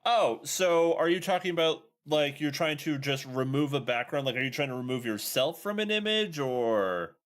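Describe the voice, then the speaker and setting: A man's voice: on the high side, expressive, normal speed, few pauses, fairly bright tone. A man streaming a video game, informally thinking aloud and talking to his chat. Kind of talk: casual livestream gameplay commentary, talking to chat.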